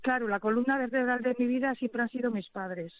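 Woman caller on a tinny phone line. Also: fairly high pitch. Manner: hesitant, halting, heartfelt. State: emotional, close to tears. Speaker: radio caller. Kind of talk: emotional phone call to a radio show.

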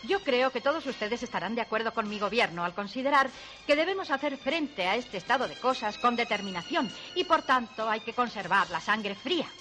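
A woman's voice: a little high, lively intonation, brisk, bright, forceful tone, soft background music. A woman voicing a pompous, absent-minded government leader giving a speech in a dubbed cartoon.

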